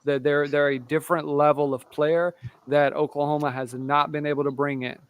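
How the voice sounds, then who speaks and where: A man on a sports podcast panel, breaking down players and games in animated casual chat. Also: on the high side, fairly quick, smooth, dry recording.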